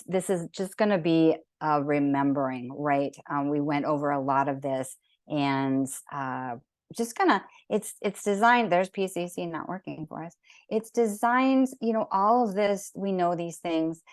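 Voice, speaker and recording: A woman with a low voice leads an online geometry class, rambling eagerly and restarting her sentences. The sound is dry and close, coming through a video call. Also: no echo. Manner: rambling, enthusiastic, many fillers and restarts. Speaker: sacred geometry teacher.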